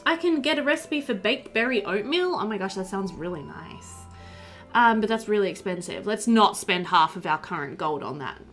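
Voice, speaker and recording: With game music in the background, a woman in her thirties chats through a let's play from her home, thinking out loud and speaking to the game's characters. As a gaming video host, she has an expressive, slightly bright mid-range voice at a moderate pace.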